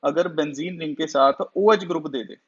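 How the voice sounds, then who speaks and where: A man's voice: a little high, moderate pace, husky. A man teaching a chemistry class, who often asks the students questions and then answers them himself. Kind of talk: classroom lecture. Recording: dull lo-fi sound.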